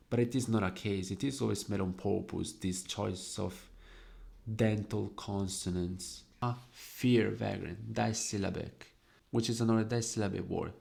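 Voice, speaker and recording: Slow, gravelly young man. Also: fairly low pitch, darkish tone. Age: young adult. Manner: slow and deliberate, lingering over quoted verse words. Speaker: poet explaining his own work. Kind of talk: explaining poetic devices.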